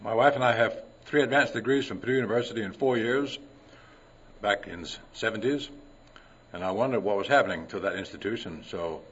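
An older man from Denmark giving a conference talk, clearing his throat often and mixing science with folksy anecdotes. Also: sits low, a bit bright, a little hiss or hum. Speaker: conference presenter. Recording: dull lo-fi recording.

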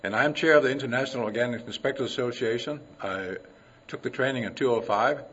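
An older man from Denmark giving a conference talk, clearing his throat often and mixing science with folksy anecdotes. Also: mid-range voice, quick pace, fairly bright tone. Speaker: conference presenter. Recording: dull lo-fi recording.

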